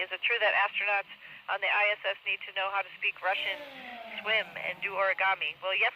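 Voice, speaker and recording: A man speaking from a space station over a radio downlink, patiently repeating call signs and answering questions. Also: high voice. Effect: heard over a radio downlink. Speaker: astronaut answering school questions. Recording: muffled radio reception with loud static.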